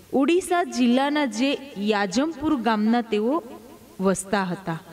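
A woman reading a devotional story aloud in a measured, expressive narrating style. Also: a little high.

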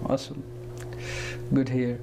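Hesitant young co-host interviewer. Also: male voice, mid-range voice, flat delivery, moderate pace, gravelly, mellow, slight background noise, rough recording. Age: young adult. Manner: hesitant, many fillers and restarts. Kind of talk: interview questions. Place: studio with green screen.

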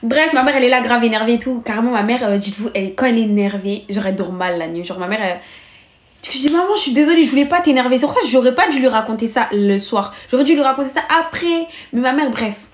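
Animated teenage girl, echoey room. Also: on the high side. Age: teens. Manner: fast, heated, acts out the people in her story. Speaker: vlogger telling a story. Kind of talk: animated storytime chat.

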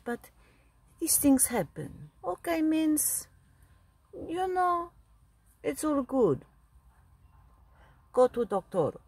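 A woman's voice: a little high, darkish tone, exaggerated voice. A woman voicing an elderly immigrant grandfather who rambles bawdily in broken English. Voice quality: very husky. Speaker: comedy video character. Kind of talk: comic character monologue.

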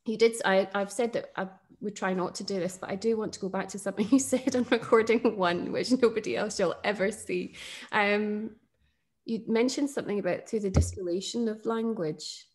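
A woman's voice: mid-range voice, moderate pace. Enthusiastic Northern English woman host. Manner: thoughtful, enthusiastic, with fillers and soft laughs. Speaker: podcast host. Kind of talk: casual conversation about poetry.

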